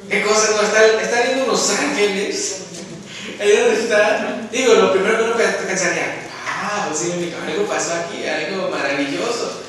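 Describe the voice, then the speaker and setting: A man's voice: high-pitched, normal speed, a bit bright, distant mic, slight background noise. A man preaching a sermon in a church, reading scripture and asking his congregation questions in a conversational way. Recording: echoey church hall, mic from afar.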